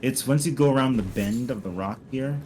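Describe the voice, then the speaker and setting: A man's voice: mid-range voice, brisk, warm tone, slight background noise, low-quality recording. A man streaming a co-op game, chatting casually and telling a rambling story full of "like" and "um". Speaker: streamer playing co-op. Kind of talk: casual gaming chat.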